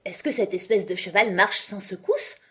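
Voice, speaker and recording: A woman voicing an earnest, solemn male knight who is proud of his clumsy inventions, read in a breathy voice for a storybook. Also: mid-range voice, normal speed, a bit bright. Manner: grave, proud, rambling explanations. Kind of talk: audiobook character reading.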